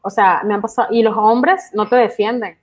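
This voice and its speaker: A young Venezuelan woman co-hosts a relaxed podcast, telling her stories with animation. She acts out what people said to her, with a middle-pitched voice. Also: moderate pace, rough recording. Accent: Venezuelan Spanish. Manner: animated storytelling, acts out quoted lines. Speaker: podcast co-host. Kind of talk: casual chat.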